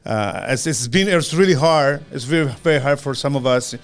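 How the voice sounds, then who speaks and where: A man in his fifties from Chile, with a Chilean Spanish accent, co-hosting a podcast in an earnest, halting way, often repeating words. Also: mid-range voice, lively intonation. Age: 50s. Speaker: podcast co-host. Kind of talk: casual podcast chat.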